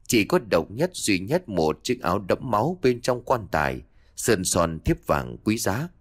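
Low-voiced man narrating a dark tale. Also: no echo, clean studio sound. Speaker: audiobook narrator. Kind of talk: dramatic story narration.

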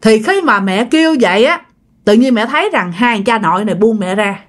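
A woman's voice: on the high side, expressive. A woman with a Southern Vietnamese accent, telling a ghost story in a chatty way and speaking straight to her listeners. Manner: chatty, talks straight to listeners with drawn-out particles. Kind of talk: casual storytelling narration.

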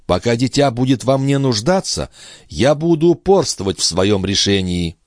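A man reading a frantic young noblewoman and grieving mother in an audiobook, pleading and then rising to shrill commands. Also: animated, normal speed, darkish tone, no echo, studio quality, natural voice.

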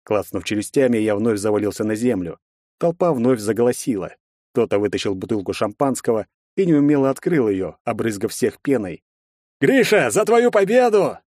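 A man narrating a first-person fantasy audiobook in a measured storytelling manner. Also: lowish voice, dark tone, dry recording, clean studio sound.

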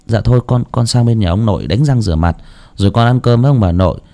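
A man's voice: on the low side, fast, dark tone, close to an everyday voice. A man voicing a timid, sleepy boy who tries to act grown-up and talks in an earnest mumble.

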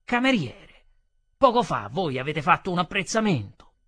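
An actor reading aloud plays a short, angry young restaurant customer who speaks with stiff, menacing formality. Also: male voice, fairly high pitch, sing-song, normal speed, fairly bright tone, no echo. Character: angry short young man, threatening diner.

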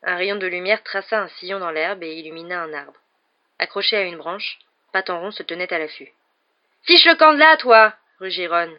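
A woman narrates a novel aloud with an expressive, lively reading. Her voice sits low, and the recording sounds dull and lo-fi. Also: fairly quick. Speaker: audiobook narrator. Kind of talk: audiobook narration.

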